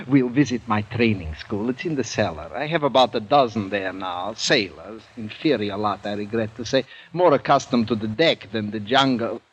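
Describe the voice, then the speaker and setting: Suave, swooping General Zaroff. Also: male voice, on the low side, expressive, normal speed, hardly any pauses, husky. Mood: chillingly polite. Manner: urbane, courteous, self-satisfied. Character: suave, boastful, cold-blooded aristocratic general who hunts men. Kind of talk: old-time radio drama acting. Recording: dull old radio recording.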